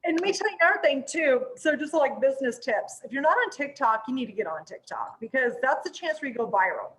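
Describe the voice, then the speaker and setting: Female host, high voice, informal and excitable, casual promo chat. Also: fast talker, poor audio.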